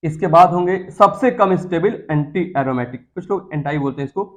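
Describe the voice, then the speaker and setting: A man's voice: high voice, animated, brisk. A man teaching chemistry in a classroom lecture. He coaxes his students, repeats key terms and keeps asking them questions.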